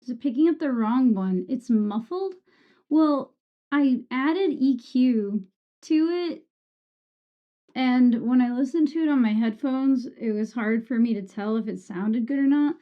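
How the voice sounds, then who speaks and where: A woman streamer speaks in a slightly high, unhurried voice, chatting casually with her viewers in a self-deprecating, sweary style. Her sibilant S sounds are harsh. Despite a streaming microphone with EQ and compressor, the recording has a muffled, dull quality.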